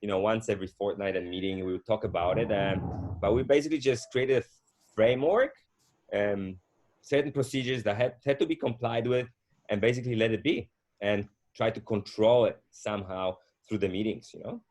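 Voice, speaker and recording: A middle-aged man from Poland, telling his story as a guest in a casual conversation, unhurried and full of fillers. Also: lowish voice, a little mellow. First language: Polish. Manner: unhurried, with frequent fillers and restarts.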